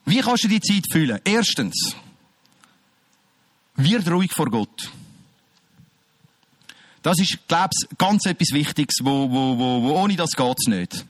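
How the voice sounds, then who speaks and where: A man preaching a sermon, emphatic and direct, swinging from loud calls to quiet, intimate passages. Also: a little high, big pitch swings, slow, long pauses, dry recording.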